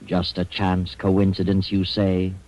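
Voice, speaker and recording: Mysterious male radio storyteller, low-pitched, unhurried, ominous, dull vintage sound. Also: completely flat delivery, darkish tone. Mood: ominous, knowing. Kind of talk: 1940s radio acting. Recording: muffled vintage radio recording.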